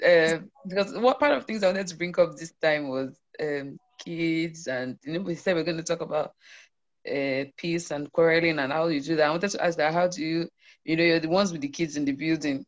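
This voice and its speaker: A hoarse woman in an online discussion group, sharing thoughts about children and patience over a video call. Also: low-pitched, fairly quick, highs cut off. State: hoarse from screaming all day. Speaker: group member. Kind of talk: casual online group meeting.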